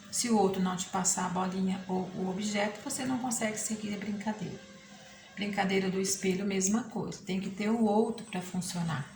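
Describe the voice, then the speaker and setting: A Brazilian woman teacher walks her students through a textbook in a remote lesson, pausing often to check they follow. Her voice sits at a middle pitch. She is recorded in a reverberant room with clear background noise. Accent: Brazilian Portuguese. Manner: patient, checks in with frequent "tá?".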